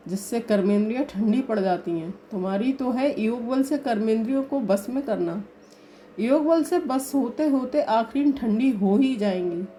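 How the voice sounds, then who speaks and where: A woman reading spiritual teachings aloud as a steady, measured recitation. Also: a little high, a little hiss or hum.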